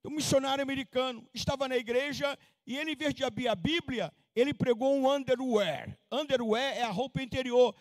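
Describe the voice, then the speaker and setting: A missionary preacher in his seventies, from Minas Gerais, delivers a sermon in a strikingly high voice. He reads scripture slowly and stresses his points with fervor. The sound is dry and close, with no room echo. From Minas Gerais, Brazil. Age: 70s. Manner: slow emphatic scripture reading, rising to fervent preaching. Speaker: missionary pastor.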